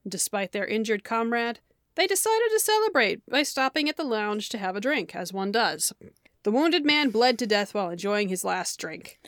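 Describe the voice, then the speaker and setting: A woman's voice: fairly high pitch, no echo, clean studio sound. A woman co-hosting a casual podcast chat, who laughs often, swears freely and acts out the voices of people she quotes. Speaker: podcast co-host.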